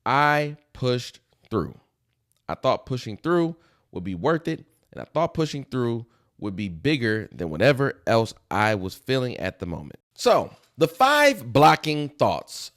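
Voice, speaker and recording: A middle-aged man giving an emphatic motivational talk, repeating key phrases for effect. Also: medium pitch. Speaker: motivational speaker.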